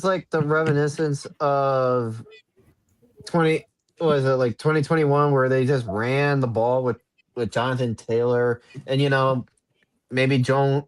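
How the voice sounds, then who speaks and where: A man on a casual sports talk show giving a hesitant, rambling breakdown of a game. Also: medium pitch. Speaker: panelist.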